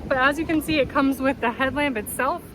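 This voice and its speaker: A woman's voice: high voice, a little fast. An upbeat woman talking casually and enthusiastically to viewers as she presents hiking gear. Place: outdoors in a windy city backyard. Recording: noisy outdoor city ambience, wind and traffic. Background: wind, vehicles, urban outdoor noise.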